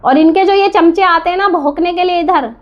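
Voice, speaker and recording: A woman's voice: very high voice, fairly quick, muffled recording. A woman giving an indignant, scolding commentary to camera, firing rhetorical questions and repeating her points for emphasis. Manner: defiant, repeats herself for emphasis. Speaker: reaction vlogger.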